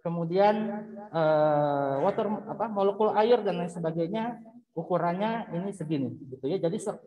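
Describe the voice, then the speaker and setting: A man giving a university physics lecture, explaining patiently, often pausing with fillers and searching for words. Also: high-pitched, narrow, tinny audio, a crowd in the background. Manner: patient explaining, checking in with frequent "ya".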